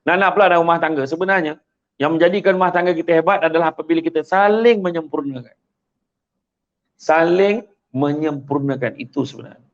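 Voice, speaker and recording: A man with a Malaysian Malay accent giving a religious talk, telling a story with acted-out voices. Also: fairly high pitch. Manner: animated, acts out story voices. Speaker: host giving religious advice. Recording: dull lo-fi sound.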